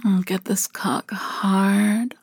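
A woman in an intimate ASMR roleplay, speaking in a soft murmuring whisper with hums and sighs. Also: medium pitch, steady tone, drawn-out words, a little hiss or hum. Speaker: roleplay narrator.

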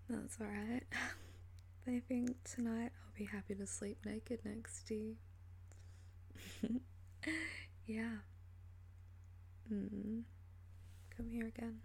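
A woman doing an ASMR role-play as a flirtatious, teasing lover, in a sultry, breathy and seductive voice. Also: on the high side, flat delivery, slow pace, pauses often, dark tone.

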